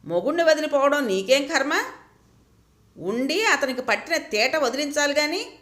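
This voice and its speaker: A woman's voice: fairly high pitch, very animated, a little slow, a bit bright. A woman voicing an outspoken woman friend who scolds and bristles with anger. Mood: indignant. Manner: angry, scolding.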